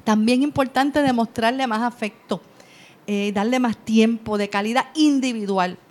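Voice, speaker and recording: A woman's voice: on the high side, moderate pace. A middle-aged woman giving a conversational talk on parenting from slides, often checking in with "¿verdad?". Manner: presents from slides. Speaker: parenting educator.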